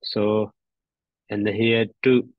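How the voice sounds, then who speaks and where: A man teaching grammar as he recites word forms, halting and repetitive as he thinks aloud. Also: on the low side, little pitch movement. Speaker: teacher, addressed as a Buddhist monk. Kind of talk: grammar lesson on verb endings, reciting forms. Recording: dull, roomy lo-fi audio.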